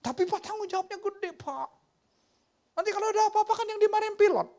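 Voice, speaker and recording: A man's voice: very high-pitched, lively intonation, fast, darkish tone, pitched above the performer's own voice. A man doing a whiny, anxious copilot. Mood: worried. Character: anxious male airline copilot friend, pleading.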